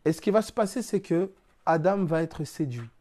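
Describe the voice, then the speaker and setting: In a spiritual talk, a man from France uses ordinary examples and rhetorical questions to make his points, phrasing things plainly and casually. His voice is a little high and expressive, dark in tone, at a normal speed.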